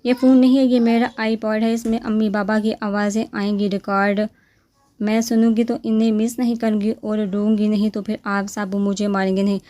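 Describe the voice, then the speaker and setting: A woman's voice: medium pitch, little pitch movement, warm tone, no room sound, close to an everyday voice. A woman voicing a bold, frightened little girl who talks back with indignant, childlike pleading.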